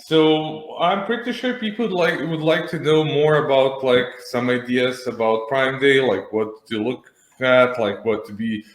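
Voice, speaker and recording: A man's voice: medium pitch, measured pace. A man from Serbia with a Serbian accent, hosting a casual interview in an informal, hesitant, rambling way. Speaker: host. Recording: echoey room sound.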